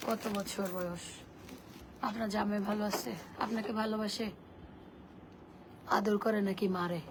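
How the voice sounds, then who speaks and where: A woman with a hoarse voice, worn from shouting, chatting bluntly as she sells bags and sandals on a live stream and reads viewer comments aloud. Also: medium pitch, fairly even intonation, unhurried. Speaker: online seller hosting a live sale. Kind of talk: casual live-stream selling. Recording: noisy live-stream audio.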